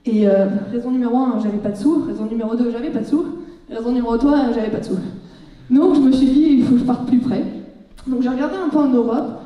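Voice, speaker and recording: A young French woman telling a humorous story about her student exchange, lively and joking, acting out bits of dialogue. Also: fairly high pitch, fast, lo-fi sound. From France. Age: young adult. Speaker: student speaker. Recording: echoey hall, heard from far off.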